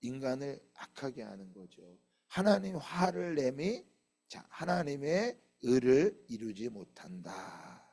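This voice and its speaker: A middle-aged male pastor preaching a dawn prayer sermon, asking the congregation rhetorical questions and moving from loud emphasis to hushed near-whispers. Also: medium pitch, very animated, slow, gravelly.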